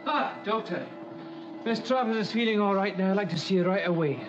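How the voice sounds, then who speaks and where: A man's voice: high-pitched, a little fast, lightly acted. A man playing an eager young companion. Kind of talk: 1960s television drama acting. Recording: muffled distant archive audio with music.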